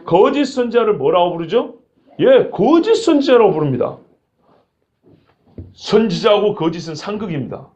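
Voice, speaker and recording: A male pastor preaching an expository sermon, acting out quoted lines with sudden shouts. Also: high voice, very animated, normal speed, long pauses, highs cut off.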